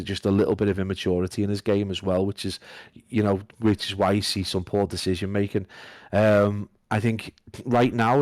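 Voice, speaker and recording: Guy on a podcast, sick and flat-sounding, lowish voice, dry close mic. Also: no echo. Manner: talks in a flat monotone. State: feeling unwell. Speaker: guest esports caster. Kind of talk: casual podcast chat.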